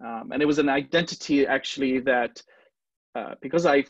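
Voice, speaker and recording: A man's voice: medium pitch, normal speed, no room sound. A man in his thirties from Lebanon, a museum docent telling his personal story on a video call, hesitant with many ums and restarts. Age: 30s. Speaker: museum docent and guest speaker. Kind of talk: personal talk on a virtual tour. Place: small room at home, indoors. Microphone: video call, earbuds. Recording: dull, dry video call audio.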